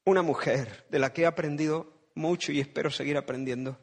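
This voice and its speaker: A man's voice: on the high side, fairly even intonation, fairly quick, creaky, husky. A man from preaching a sermon, dramatic and emphatic, repeating phrases and acting out voices from the story.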